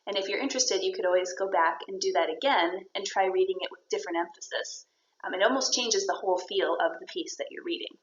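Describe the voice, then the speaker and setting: A woman's voice: medium pitch, fast, a little hiss or hum. A woman teacher giving a poetry lesson, explaining step by step and encouraging her students. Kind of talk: recorded classroom lesson. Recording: roomy, dull lo-fi sound.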